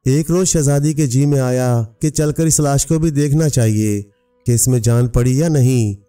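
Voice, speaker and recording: A man narrating a fairy tale in a measured, even storybook reading. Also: mid-range voice, clean tone. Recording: distant mic, faint music.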